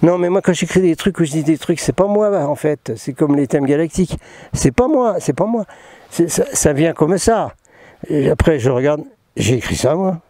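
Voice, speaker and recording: A man's voice: fairly high pitch, normal speed, warm tone. A man, talking casually about spiritual matters, rambling and joking at himself with many restarts. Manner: jokey, self-mocking, rambling with many restarts. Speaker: spiritual channeler hosting a talk. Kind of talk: casual spoken talk mixing reading and asides.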